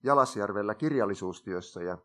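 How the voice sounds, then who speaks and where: Bright-voiced older man preaching a sermon. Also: on the low side. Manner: reads scripture aloud and addresses the congregation directly.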